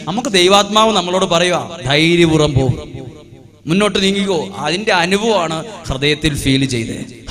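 A man's voice: high-pitched, pushed and bright. A male priest preaching a sermon with emphatic rhetorical questions and calls of hallelujah.

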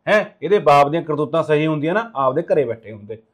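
A man's voice: a little high, lively intonation, quick pace. A man playing a stern husband who lectures his wife insistently.

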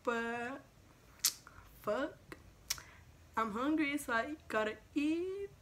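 A woman's voice: high-pitched, lively intonation, drawn-out words, fairly bright tone. A young woman in her teens, speaking with braces, chatting casually as a vlogger at home, rambling with lots of fillers, self-corrections and casual swearing. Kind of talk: casual vlog chat.

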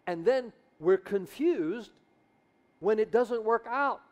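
A man preaching a sermon as a bishop, exhorting fervently, repeating phrases and building to loud calls. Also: high-pitched, animated, slow pace. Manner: mixes in Tagalog phrases.

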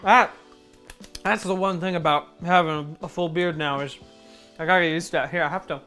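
A man's voice: a little high, fairly even intonation, brisk, bright, forceful tone, faint music behind. A man hosting a comedic cooking demo in his home kitchen, joking and mocking himself as he cooks. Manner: playful, jokey, self-mocking. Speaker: cooking video host.

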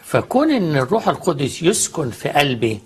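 A man's voice: fairly high pitch, very animated, brisk, breathy edge. A man with an Egyptian accent, a studio guest explaining faith earnestly and answering his own questions.

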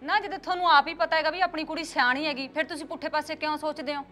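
A woman's voice: high-pitched, fairly even intonation, very fast, soft background music. An actress playing a caring village mother who pleads for her daughter, speaking in a Punjabi accent. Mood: coaxing. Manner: pleading, gently persistent. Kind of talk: village drama acting.

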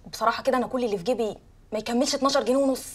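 An actress playing an eager, self-assured young Egyptian reporter talking on the phone in a TV drama. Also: female voice, fairly high pitch, very fast, a little hiss or hum, lightly acted. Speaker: young journalist. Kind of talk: TV drama acting.

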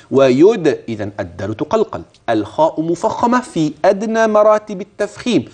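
A male teacher explaining tajweed rules in an animated, sing-song way. His voice sits fairly high and swoops widely. He slows down to chant short passages as demonstrations. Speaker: Quran recitation teacher. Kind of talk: tajweed lesson with recited demonstrations.

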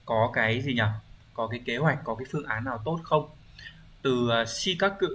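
Going through exam vocabulary questions, a male Japanese teacher explains the readings step by step and regularly checks in with his students. His mid-range voice is brisk and a bit bright, with a little hiss or hum in the background.

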